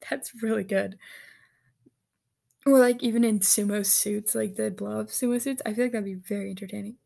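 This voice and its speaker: A woman vlogging on her own, reading answers aloud and reacting with giggles and quick asides. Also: medium pitch, fairly even intonation, gravelly, dark tone. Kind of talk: casual solo chat.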